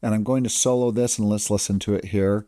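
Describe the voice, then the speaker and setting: A man narrating a casual software tutorial as an editing instructor, recorded as a close voice-over. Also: lowish voice, steady tone, quick pace, no echo.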